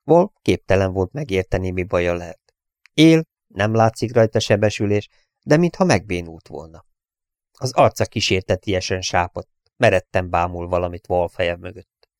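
Guy reading an audiobook, steady and measured, gravelly voice, super dry close sound. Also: deep voice, dry recording. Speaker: audiobook reader. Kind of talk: audiobook narration.

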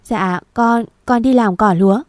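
Woman reader doing a scared young daughter, tearful and pleading, raised pitch, dry close sound. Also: measured pace, darkish tone, no echo, lightly acted. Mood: frightened. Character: frightened young daughter pleading with her father.

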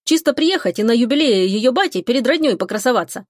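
A woman's voice: on the high side, lively intonation, quick pace, no echo, clean studio sound, pitched above the performer's own voice. A woman voicing a breezy clever young man. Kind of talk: audiobook character voice.

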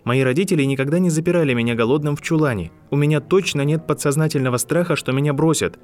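A man reading an audiobook, voicing an angry, indignant eleven-year-old boy wizard who shouts in fast outbursts. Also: on the high side, faint music behind, voice pushed up, natural voice. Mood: furious. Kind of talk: audiobook narration.

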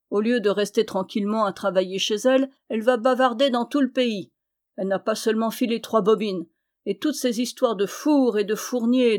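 A woman reading aloud, voicing a male storm spirit, gruff and hungry at first and then good-natured and gentle. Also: fairly high pitch, close to an everyday voice.

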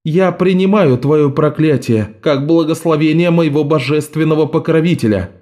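A man voicing a defiant young woman thief who answers in a raised, measured voice. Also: fairly high pitch, dark tone, pitched above the performer's own voice, close to an everyday voice.

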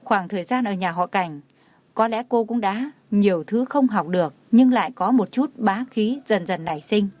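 A woman narrating a dramatic story as an audiobook in a steady reading voice. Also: medium pitch, normal speed, dry recording.

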